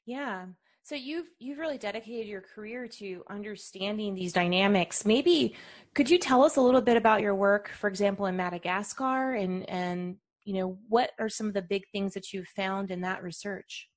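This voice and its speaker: A woman hosting an interview show, reading a smooth scripted introduction and then chatting loosely with fillers. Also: mid-range voice, normal speed. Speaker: podcast host.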